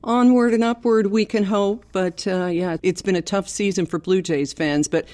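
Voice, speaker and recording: A woman's voice: mid-range voice, fairly even intonation, moderate pace, a little mellow. An older woman with a Canadian accent chats casually as a podcast co-host, recording with a towel over her head in a hotel room. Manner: chatty, laughs easily. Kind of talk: casual chat. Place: hotel room, under a towel with pillows behind the mic.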